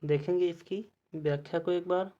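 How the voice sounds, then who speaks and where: A male teacher giving an exam-prep lesson, reading out quiz questions and their options one by one in a measured way. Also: high-pitched, fairly even intonation, warm tone, dull audio.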